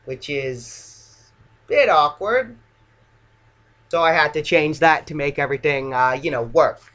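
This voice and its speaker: A man's voice: fairly high pitch, a little slow, a bit bright. A man giving casual, unscripted director's commentary as an amateur filmmaker, hesitant and self-deprecating.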